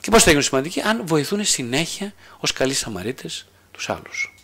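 Lively-voiced male psychotherapist explaining. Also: fairly high pitch. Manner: asks and answers his own rhetorical questions; hesitant restarts with drawn-out fillers.

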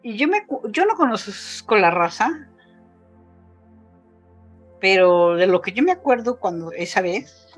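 A breathy, sing-song voice of medium pitch moves at a moderate pace over soft background music. She is a woman in her fifties with a Mexican Spanish accent, a guest emotionally retelling a personal story in a casual interview, full of fillers, her voice rising as she quotes people.

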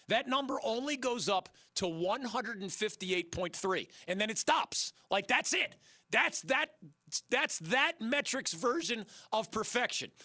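A middle-aged man hosting a sports talk radio show, emphatic and energetic, with a voice worn from losing it. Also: sits high, no echo. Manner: energetic, emphatic, quick asides. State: losing his voice.

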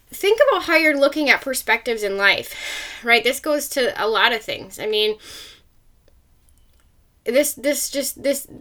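A woman's voice: a little high, pushed and bright. A woman hosting a podcast, delivering a blunt motivational monologue full of rhetorical questions. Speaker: podcast host.

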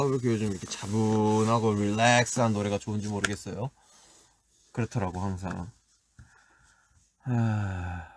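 Soft-spoken man hosting a live stream. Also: medium pitch, slight background noise. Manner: soft-spoken, laid-back, often laughing. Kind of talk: casual live stream chat, answering viewer comments.

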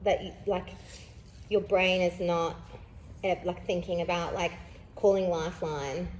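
A woman's voice: lowish voice, steady tone, a little slow, a little mellow, slight background noise. A young woman, chatting candidly as a podcast host, rambling with lots of fillers and laughing through heavy subjects. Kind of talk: casual candid chat.

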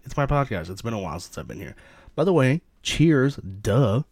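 A man's voice: medium pitch, big pitch swings, normal speed, darkish tone, no echo. A young man hosting his podcast, chatting casually from his trailer in a rambling, joking way with plenty of fillers. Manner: rambling, jokey, lots of fillers. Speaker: podcast host. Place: his trailer behind an amusement park.

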